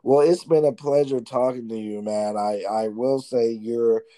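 A man's voice: mid-range voice, steady tone, measured pace, mellow, dry recording. A man hosting an interview, chatty and encouraging toward his guest. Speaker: interview host. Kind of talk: casual interview chat.

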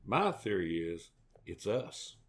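A man's voice: deep voice, big pitch swings, slow. A middle-aged man with a Southern US accent, chatting in a rambling, down-home way as a podcast co-host. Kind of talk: folksy casual chat.

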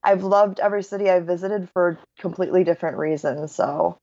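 A woman in her thirties, a wedding photographer talking as a podcast guest, bubbly and quick to laugh, with lots of "like". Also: on the low side, mellow, dry recording, highs cut off. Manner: bubbly, laughs often, says "like" a lot. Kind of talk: casual interview chat.

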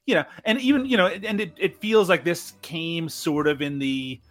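A man's voice: fairly high pitch, big pitch swings, normal speed, soft background music. A man from Newfoundland chatting casually and jokily about films as a podcast guest. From Newfoundland, Canada. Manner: jokey, chuckling talker. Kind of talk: casual film discussion.

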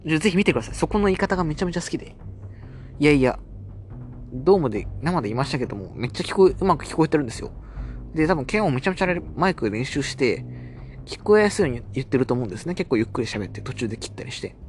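Rapid-fire and animated, a man with a fairly high voice runs a casual solo wrestling-review podcast, chatting about events and recapping promos in a lightly mimicking tone. A little hiss or hum sits in the recording.

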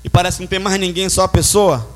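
Male pastor, high voice, punchy sermon delivery with vocal sound effects. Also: steady tone, fast, faint music behind. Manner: emphatic, storytelling with sound effects.

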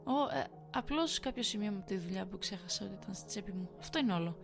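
A woman voicing a young man who hides his fear behind forced, hesitant calm. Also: medium pitch, gravelly, over music. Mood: nervous.

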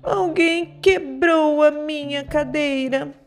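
A tiny baby bear from a storybook, squeaking high and almost crying. The voice is pushed far above her own and sounds quite different. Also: slow, soft background music. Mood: tearful.

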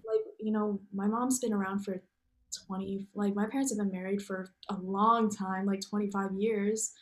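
Speaking at a normal pace with a steady, medium-pitched voice, this young woman from the United States is an interview guest. Her answers ramble in a relaxed way, stuffed with "like" and "you know."

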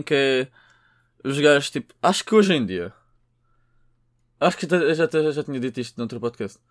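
A man's voice: fairly high pitch, no room sound, clean studio sound. A young man with a European Portuguese accent, rambling through a casual podcast monologue, full of slang, swearing and filler words. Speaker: podcast host.

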